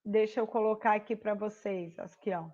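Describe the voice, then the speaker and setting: A woman's voice: medium pitch, steady tone, a little mellow, dull audio. A woman teaching a primary school class online, patient and explaining step by step, checking often that the children follow. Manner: slow, patient, repeats and checks with "tá certo?".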